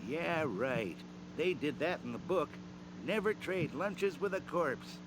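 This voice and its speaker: An actor playing a grumpy, superstitious old gravedigger in a cartoon adventure game, scolding and distrustful. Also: male voice, a little high, animated, takes it slowly, background noise. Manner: crotchety, scolding, disbelieving.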